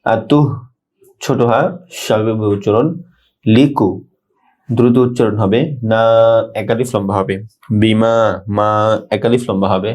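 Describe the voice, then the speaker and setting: A man with a Bangladeshi Bengali accent teaching tajweed, reciting each phrase slowly and then explaining how each letter is pronounced. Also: on the low side, darkish tone. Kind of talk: tajweed lesson, word-by-word pronunciation.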